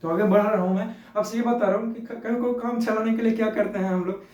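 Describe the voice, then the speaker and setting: A man's voice: high voice, fairly even intonation, fast, a little mellow, distant mic. A man teaching a science class, chatty and teasing, explaining with everyday examples and slipping into English. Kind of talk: classroom lecture. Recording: echoey room, voice from off the mic.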